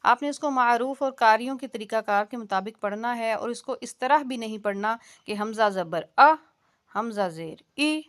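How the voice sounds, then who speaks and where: A woman teaching an online Quran recitation lesson, drilling syllables slowly and patiently, then explaining quickly. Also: a little high.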